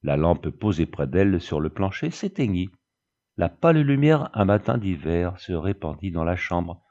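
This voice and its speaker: A man narrating a storybook tale in a measured, even reading. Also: low voice, highs cut off.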